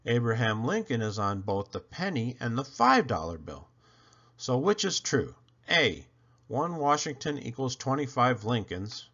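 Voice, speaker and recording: A man with a mid-range voice reads a children's picture book aloud like an animated storyteller, using dramatic, emphatic phrasing and playful swoops. He takes his time, and the recording has a lo-fi quality.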